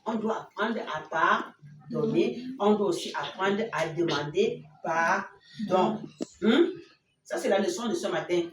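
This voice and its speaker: A woman's voice: lowish voice, measured pace. Cameroonian lady doing sunday school for kids, asks them stuff, plays out little scenes, sounds far off in a big echoey church. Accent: Cameroonian French. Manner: acts out child and mother voices, asks the children questions. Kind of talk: children's Bible lesson with acted scenes. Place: church hall. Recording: echoey hall from far off, faint noise.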